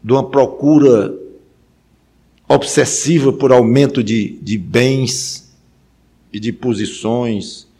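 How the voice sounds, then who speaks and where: A man preaching a sermon, rising to loud emphatic peaks and dropping to low quiet stretches, often repeating words as he thinks. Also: fairly even intonation, takes it slowly, long pauses, breathy edge. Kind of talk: sermon on Ecclesiastes.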